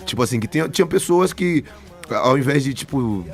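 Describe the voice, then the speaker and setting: A band's vocalist, appearing as a guest in a casual storytelling interview, tells chatty, animated anecdotes and restarts his sentences frequently. His voice is mid-range and brisk.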